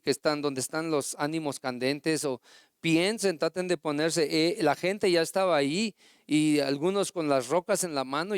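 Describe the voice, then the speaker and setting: A man preaching a sermon, his voice a little higher than most and smooth and resonant. He retells stories with acted-out quotes and puts rhetorical questions to his listeners. The sound is close and dry, with little room echo.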